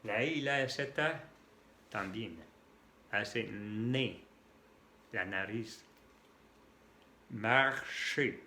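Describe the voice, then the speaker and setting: A man's voice: on the low side, extremely slow, long pauses, bright, forceful tone, roomy sound, a little hiss or hum. A man with a French accent teaching French sounds in Spanish, spelling letters out and repeating each sound patiently. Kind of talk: slow language lesson.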